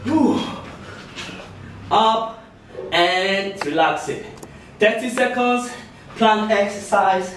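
A middle-aged man working out as an aerobics instructor, counting and cheering on in short, exerted, encouraging cues with puffs. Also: high-pitched. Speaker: fitness instructor leading a workout. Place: indoor tiled room, on an exercise mat. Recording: echoey room, distant mic, faint noise.

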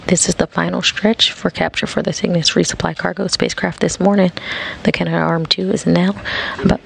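A man with a gravelly voice, giving live event commentary. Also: high-pitched, level tone, fairly quick, fairly bright tone, a little hiss or hum. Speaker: mission commentator.

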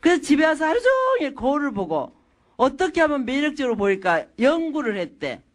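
Speaking a little fast, a middle-aged woman gives a lecture built on anecdotes from her family life. Her pitch rises and falls dramatically as she animatedly tells each story and voices the people in it.

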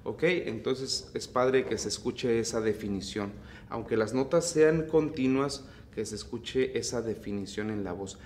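A man with a Mexican accent, a mariachi singer teaching vocal technique in an unhurried, relaxed way. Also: mid-range voice, slight background noise. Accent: Mexican Spanish. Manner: unhurried, explains phrasing, breaks into singing. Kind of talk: relaxed vocal tutorial with sung demonstrations.

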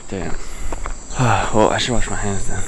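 A man's voice: fairly low pitch, measured pace, over a noisy crowd. A young man in his twenties talks casually and thinks aloud while vlogging on a handheld camera outdoors in a rural village, swearing now and then. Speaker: travel vlogger. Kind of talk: casual vlog narration. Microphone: handheld camera held close. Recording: outdoor camera audio with insect noise. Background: crickets and insects.

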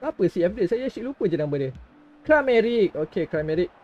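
A man's voice: high-pitched, very animated, fast talker, a little mellow, muffled recording. A young Malaysian man giving reactive live commentary as he plays a mobile football game, in short exclamations and muttered asides. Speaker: gaming streamer.

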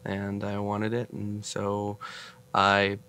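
A man's voice: lowish voice, completely flat delivery, slow, bright, forceful tone. A man from Oregon, a band's guitarist, talking casually in a documentary interview and laughing now and then. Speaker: guitarist in a band. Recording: noisy handheld documentary audio.

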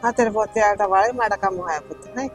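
A woman's voice: medium pitch, very fast, soft background music, close to an everyday voice, rough recording. Woman playing a sympathetic village aunt. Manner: sympathetic, asks questions, calls others son. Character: older aunt, village neighbor.

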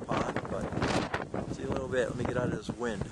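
The recording is very noisy as an older man, filming himself on a handheld camera, talks through his hike on a windy mountain trail. He rambles and jokes with many fillers. His mid-range voice is level and brisk.

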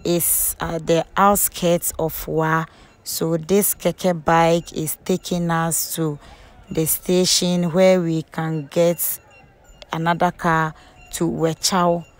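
A woman's voice: low voice, little pitch movement, takes it slowly. A young woman, chatting to her viewers as a travel vlogger, recorded on a phone held at arm's length. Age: young adult. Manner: chatty, addresses viewers directly. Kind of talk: casual travel vlog. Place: outdoors on roads and in vehicles. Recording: loud road and vehicle noise. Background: traffic and engine noise.

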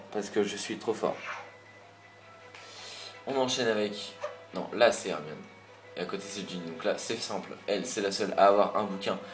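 A young man with a fairly low voice talks his way through a video game in a loose, rambling manner, dropping the odd curse. He sounds a touch irritated. The recording is roomy, with game music playing clearly underneath. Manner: rambling, chatty, mild swearing. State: a bit irritated. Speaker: gameplay commentator. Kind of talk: casual gameplay commentary.

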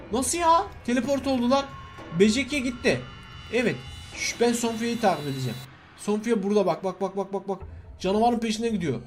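A young man with a high voice rattles off excitable gameplay commentary at a rapid clip. He laughs and shouts in alarm while talking to his viewers, with faint music playing underneath. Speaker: gaming YouTuber.

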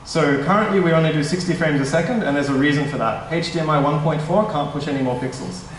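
A man's voice: on the high side, quick pace, slight background noise. A young man giving a casual, slightly nervous conference presentation at a meetup, correcting himself as he goes. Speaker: tech startup presenter. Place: meetup hall, indoors, large room. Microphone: stand mic at a distance. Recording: echoey hall, mic at a distance.

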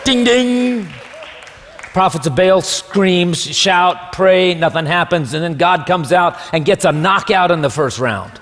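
A male pastor preaches with a slightly raised voice and an animated, joking way of telling stories. His words carry through a church sanctuary with a long, lingering reverb. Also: fairly high pitch, a little slow, few pauses, a faint crowd. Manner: humorous, animated storytelling. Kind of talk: sermon.

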